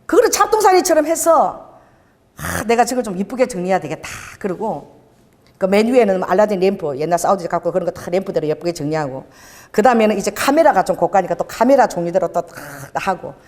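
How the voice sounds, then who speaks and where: In a church hall, a middle-aged woman pastor with a mid-range voice preaches a sermon full of personal anecdotes. Talking fast, she tells a lively story about her husband, acting out the quoted dialogue and laughing often, while a long reverb tail trails her words.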